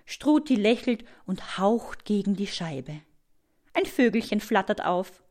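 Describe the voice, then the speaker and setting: A woman calmly narrating a children's story, sometimes dropping to a hush. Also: medium pitch, takes it slowly. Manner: calm, hushed in places.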